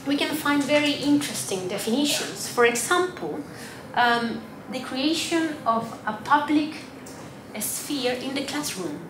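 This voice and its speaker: Hesitant Chilean woman presenting in a hall. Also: on the high side. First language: Spanish. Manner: hesitant, many fillers and restarts. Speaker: academic panelist. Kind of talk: symposium presentation. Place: conference room. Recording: echoey hall with noise.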